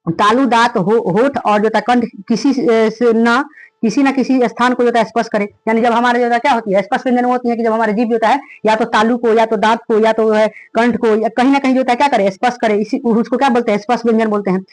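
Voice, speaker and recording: A man with a Bihari Hindi accent runs through an exam revision lecture in a very high, rapid voice. He fills his speech with stock phrases and poses questions that he answers at once. The room sounds small and dead, with no echo at all. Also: steady tone. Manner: rhetorical questions answered himself, heavy filler phrases. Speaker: teacher.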